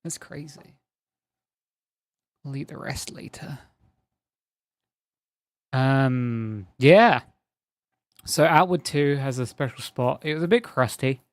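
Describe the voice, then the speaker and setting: This man's gaming stream features slow, rambling, casual chat with viewers in a mid-range voice, broken by frequent pauses and free of room sound. There's a little strain in how he talks, as though he's losing it.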